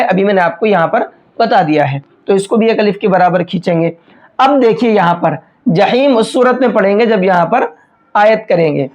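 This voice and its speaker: A man teaching a step-by-step recitation lesson. He explains each rule patiently, often checks that it is understood, and draws out slow examples. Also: high-pitched. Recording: dull lo-fi recording.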